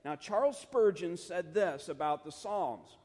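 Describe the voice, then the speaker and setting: A middle-aged man teaching scripture in a relaxed, earnest way, with a slightly higher voice than most men. He restarts his sentences and fills pauses with ums and you-knows. The hall gives his words a long reverb. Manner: earnest, conversational, many fillers and restarts. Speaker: pastor. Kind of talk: Bible study teaching.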